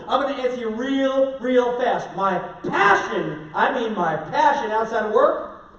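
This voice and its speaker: Man, high-pitched, energetic, chatty seminar talk, roomy hall, dull lo-fi sound. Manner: energetic, chatty, asks audience questions. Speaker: seminar speaker. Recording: distant mic, echoey hall, dull lo-fi sound.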